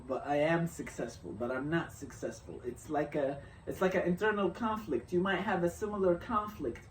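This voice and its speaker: Young man from Syria, motivational vlog talk, reflective and halting, off-mic in a roomy space, faint ambience. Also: fairly high pitch, far from the mic, slight background noise. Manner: reflective, halting, many restarts. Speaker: vlogger.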